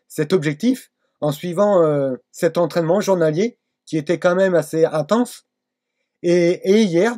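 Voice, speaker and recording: A middle-aged man speaks to the camera in a casual vlog style. His voice sits high for a man, with a mellow, rounded tone. He is somewhat hesitant, often doubling back on phrases. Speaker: vlogger. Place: small attic room at home.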